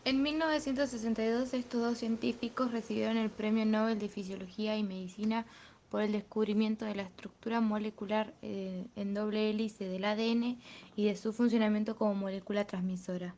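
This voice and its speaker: A woman's voice: medium pitch, fairly even intonation, brisk, a little mellow, a little hiss or hum. A young woman, a student, reading a school presentation steadily, with small fillers.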